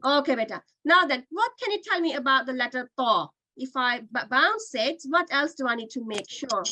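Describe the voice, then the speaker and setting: Here the teacher's voice is high and sharp, lively in intonation and at a normal speed. She leads an online Qur'an reading lesson, patiently repeating letters aloud to show how they sound, over a low-quality recording with a slight hiss or hum.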